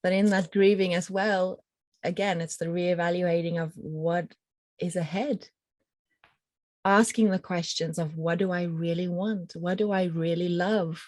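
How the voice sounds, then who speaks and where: A woman's voice: lowish voice, fairly even intonation, a little mellow, no echo. Reflective woman, dry close sound. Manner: reflective, empathetic, thoughtful pauses. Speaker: podcast co-host. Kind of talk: casual spiritual conversation.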